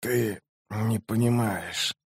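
A man voicing a dying male mage who speaks quietly, slowly and with a wheeze. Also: on the low side, slightly rough, no echo, studio quality. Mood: weak, sly.

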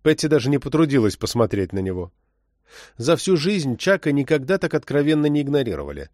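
Man reading an audiobook, steady even telling, mid voice, dry close mic. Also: mid-range voice, brisk, no echo. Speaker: audiobook narrator. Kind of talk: scripted narration.

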